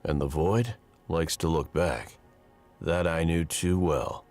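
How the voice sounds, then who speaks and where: A man voicing a sardonic male detective, reading game dialogue aloud in a low, husky voice. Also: takes it slowly, darkish tone, soft background music, full character voice. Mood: brooding. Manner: hardboiled, sardonic. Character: gruff male detective investigating.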